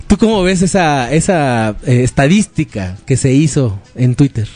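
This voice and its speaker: A man's voice: on the high side, lively intonation, unhurried, darkish tone. A man in his thirties with a Mexican Spanish accent, hosting a podcast in casual, joking chat full of slang. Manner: joking, chatty slang-filled banter. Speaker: podcast host.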